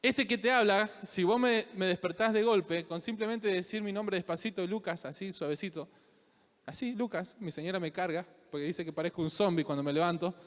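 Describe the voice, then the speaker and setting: High-voiced Rioplatense preacher in a reverberant hall. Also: male voice, brisk, few pauses. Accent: Rioplatense Spanish. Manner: voseo, questions to the congregation, builds to shouted fervor. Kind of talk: sermon. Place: church.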